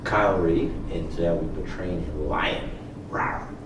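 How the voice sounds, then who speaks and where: Deep-voiced man podcasting in a roomy space. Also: normal speed. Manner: informal, profane, joking. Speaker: podcast co-host. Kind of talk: casual explanatory podcast talk. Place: library room. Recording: roomy, distant mic with clear noise.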